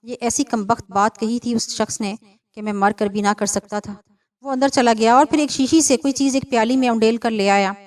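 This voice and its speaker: A woman narrating a horror novel aloud in a steady storytelling manner, reading every character herself. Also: a little high, no echo.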